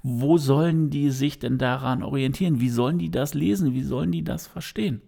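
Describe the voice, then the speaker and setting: A podcast host talks a little fast in a medium-pitched, gravelly, mellow voice, giving unscripted opinions right to his listeners. Many fillers and restarts break up his speech, though he stays earnest throughout.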